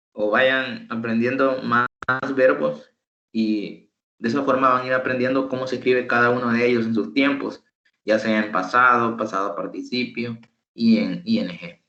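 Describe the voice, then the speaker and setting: A man's voice: medium pitch, fairly even intonation, moderate pace, pushed and bright. Guy teaching english over a call, patient, checks in a lot, kinda muffled sound. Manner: patient, explaining step by step with frequent "¿verdad?". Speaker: English tutor. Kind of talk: online teaching.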